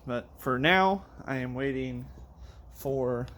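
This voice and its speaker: A slow, medium-pitched, slightly bright male voice comes through with a little hiss or hum. He's a car audio vlogger in a car in his garage, rambling casually about his audio setup, short of breath, correcting himself, with many fillers.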